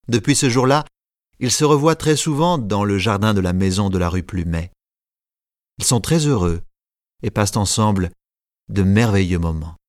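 A man narrates a simplified classic novel in a measured, clear storytelling manner. His voice sits low, and the recording is dry and close, with no room sound. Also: dry recording.

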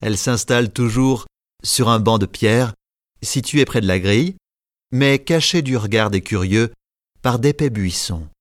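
A man narrating a simplified classic novel in a measured, clear storytelling manner. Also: mid-range voice, no echo, clean studio sound.

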